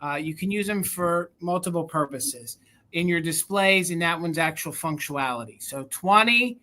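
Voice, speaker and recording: A woman's voice: lowish voice, animated, moderate pace, sharp tone. A woman with a regional American accent, hosting a live vintage sale, chatting as she describes items and counts down bids. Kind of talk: live auction selling.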